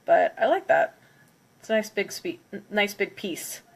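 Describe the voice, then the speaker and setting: On a casual craft livestream, a woman who is congested from a cold counts down before she smashes plates. She speaks with a medium-pitched voice with vocal fry at a normal speed, and there is a little hiss or hum.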